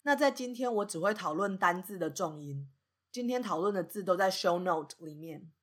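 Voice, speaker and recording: Husky-voiced woman teaching pronunciation. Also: lowish voice, expressive, normal speed. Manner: patient, methodical explaining, starts sentences with "那". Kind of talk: explanatory podcast lesson.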